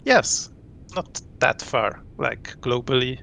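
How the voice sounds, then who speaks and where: Gravelly Swiss man in his late thirties. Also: medium pitch, a little hiss or hum. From Switzerland. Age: late 30s. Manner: relaxed, thoughtful, laughs often, pauses to recall. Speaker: guest. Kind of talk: casual interview.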